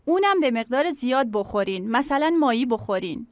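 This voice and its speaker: An actress dubbing a woman doctor who explains results in a calm, matter-of-fact way. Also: fairly high pitch, dry recording, close to an everyday voice. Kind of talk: Persian TV dub acting.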